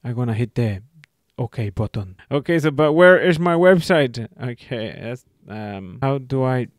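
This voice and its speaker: A man's voice: medium pitch, expressive, a little slow, no room sound. A man giving a casual screen-recording tutorial with wry, self-mocking running commentary. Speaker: video creator.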